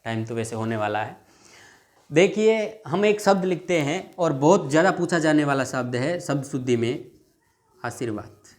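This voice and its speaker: Young male tutor, slightly high voice, patient, repetitive teaching style. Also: animated, darkish tone. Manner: explains patiently, repeats words slowly, asks students questions; dictates rules word by word. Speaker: Hindi grammar teacher. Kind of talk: exam-prep lesson.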